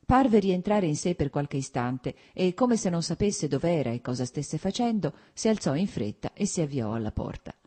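A woman reading a novel aloud as narrator, in a measured, literary way. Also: deep voice, sing-song, mellow, breathy edge. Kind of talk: scripted narration.

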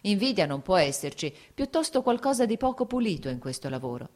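An eager young gentleman, quick to agree and emphatic in his objections, as a woman reads him. She lifts the voice a little for him in a storybook telling. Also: mid-range voice, sing-song, voice pushed up.

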